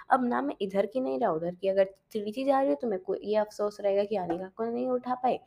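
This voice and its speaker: A woman's voice: fairly high pitch, mellow. A teenage girl chatting casually in a diary-style vlog, mixing in English and often correcting herself mid-sentence. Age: teens. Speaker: vlogger.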